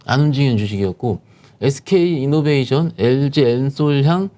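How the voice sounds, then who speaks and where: A securities firm manager appears as a guest to explain stock market conditions, speaking briskly with a warm, medium-pitched voice. He's emphatic and likes to pose rhetorical questions.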